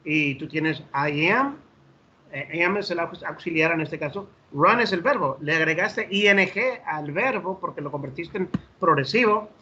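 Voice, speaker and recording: A man's voice: on the high side, animated, unhurried, pushed and bright. A man with a Mexican Spanish accent teaching an online English lesson, explaining grammar with many fillers and repeated words, switching between English and Spanish. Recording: slightly dull audio with faint noise.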